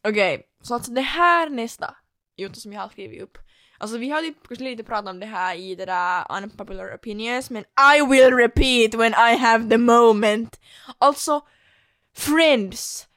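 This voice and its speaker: A young woman, co-hosting a casual chat, blunt and quick to swear. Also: on the high side, fairly bright tone. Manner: blunt, swears freely, mixes in English. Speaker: podcast co-host.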